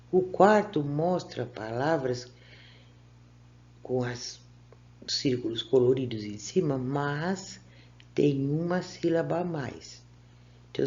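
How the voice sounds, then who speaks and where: A Brazilian woman teaching young children in a recorded class, giving patient, clear, step-by-step instructions. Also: low-pitched, dark tone. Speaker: primary school teacher. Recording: dull lo-fi recording.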